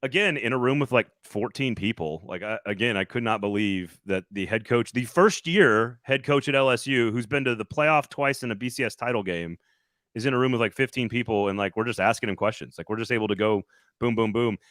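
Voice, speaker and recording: A man's voice: mid-range voice, fairly quick, a bit bright, dry recording, studio quality. A man hosting a casual sports talk show, rambling and restarting his sentences often. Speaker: sports podcast host reporting on location.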